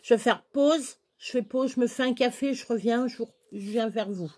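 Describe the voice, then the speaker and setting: A middle-aged woman talks to her viewers from home, rambling from one grievance to the next with an exasperated edge. Her voice sits a little high, and she drifts around the room as she chats. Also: moderate pace, a little mellow. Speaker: vlogger. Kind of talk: casual chat to camera.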